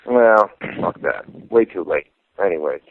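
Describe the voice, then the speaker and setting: A man's voice: deep voice, expressive, unhurried, phone-quality sound, a little hiss or hum. A man hosting a casual wrestling talk radio show, chatty and loose, swearing offhandedly.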